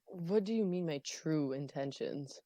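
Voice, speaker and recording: A woman's voice: low-pitched, expressive, measured pace, mellow, no echo. A woman playing a guarded young woman adventurer who answers tersely and warily. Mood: wary.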